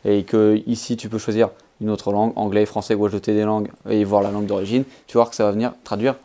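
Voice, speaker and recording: A man's voice: on the low side, little pitch movement, fast, mellow. A man giving a casual phone review, chatting informally and addressing the viewer directly with frequent fillers. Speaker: tech reviewer.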